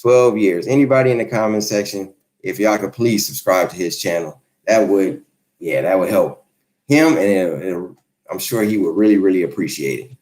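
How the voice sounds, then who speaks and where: A man's voice: deep voice, normal speed, darkish tone. A man in his forties casually chatting with viewers on a livestream, easygoing and rambling, answering comments as they come in. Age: 40s. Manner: easygoing, rambling, laid-back. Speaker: YouTube creator hosting a livestream. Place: home, Los Angeles.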